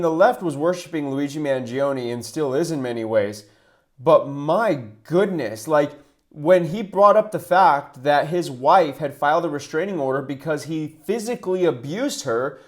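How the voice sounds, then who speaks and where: A man's voice: fairly high pitch, lively intonation, normal speed. A man giving opinionated political video commentary in an indignant, emphatic way.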